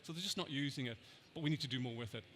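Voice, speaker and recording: Irish man, conference speaker, bright and forward voice, stop-start delivery with repeated words. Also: medium pitch, rapid-fire, a little hiss or hum. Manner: hesitant, repeats words, quotes people. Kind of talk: answering audience questions.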